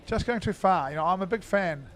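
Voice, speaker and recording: A rather high-voiced man calling an indoor cricket match live. He talks in a loose, chatty way with plenty of fillers and sudden loud shout-outs to viewers. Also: animated, a little fast. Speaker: cricket commentator. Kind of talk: live sports commentary.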